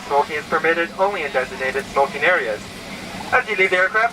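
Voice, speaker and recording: A man reading a formal, rehearsed airline arrival announcement as a flight attendant over a noisy cabin PA. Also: a little high. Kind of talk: airport-style airline arrival announcement, scripted. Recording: noisy aircraft cabin PA, distant.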